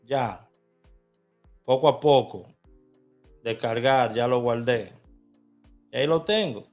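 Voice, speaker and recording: A man's voice: medium pitch, slow, faint music behind. A man in a casual vlog, chatting to viewers as he walks through placing lottery bets on his phone, from inside a car. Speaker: vlogger. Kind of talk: casual screen walkthrough.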